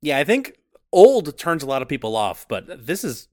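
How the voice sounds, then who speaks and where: A man's voice: fairly high pitch, very animated, normal speed, dry recording, clean studio sound. A man co-hosting a movie podcast in casual banter, tossing in wry, playful quips. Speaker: podcast co-host.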